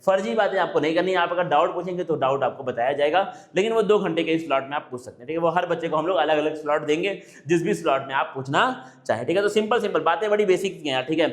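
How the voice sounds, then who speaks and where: A young man teaching an exam-prep biology lesson, asking himself rhetorical questions and answering them, and reading English terms out slowly. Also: a little high. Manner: mixes Hindi with English technical terms, reads options slowly.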